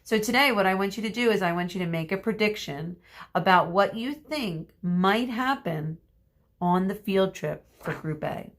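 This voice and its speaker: A woman teacher wrapping up a read-aloud lesson for children, talking in an expressive, sing-song way. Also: mid-range voice, normal speed.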